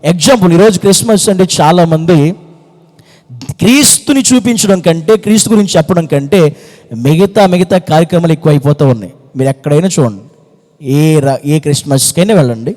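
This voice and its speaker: A man's voice: on the high side, lively intonation, fast, darkish tone, long reverb tail. A man preaching a fervent sermon as pastor, repeating phrases and firing rhetorical questions. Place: church hall.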